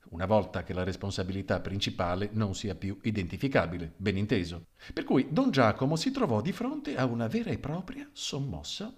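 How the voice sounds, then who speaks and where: A man narrating a comic story in an expressive, wry manner. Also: medium pitch.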